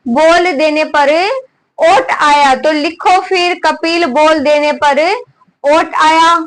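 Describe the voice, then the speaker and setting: Lady teacher, high voice, goes slow, repeats stuff, asks questions then answers them herself. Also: fairly even intonation, rough recording. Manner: repeats items for students to write down. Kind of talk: classroom lesson dictating notes.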